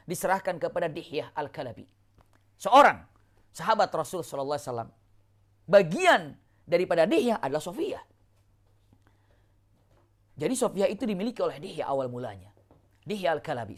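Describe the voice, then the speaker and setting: A woman, telling an Islamic religious story in a lecture and answering her own rhetorical questions. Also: lowish voice. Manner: animated, asks rhetorical questions and answers them.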